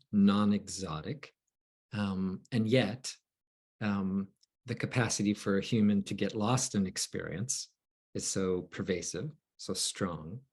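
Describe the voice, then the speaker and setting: Husky slow-talking male host. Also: lowish voice, darkish tone. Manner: halting, many fillers, thoughtful questions. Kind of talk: moderating a roundtable.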